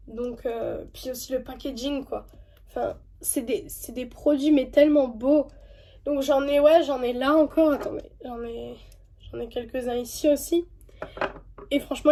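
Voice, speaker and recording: High-voiced chatty French woman vlogger. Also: darkish tone. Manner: chatty, hesitant, many fillers and restarts. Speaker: beauty vlogger. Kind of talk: casual makeup review vlog. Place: home.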